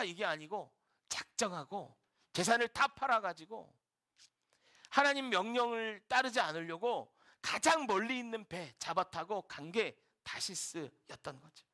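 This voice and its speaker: A male pastor giving a sermon as vivid, expressive storytelling. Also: high voice.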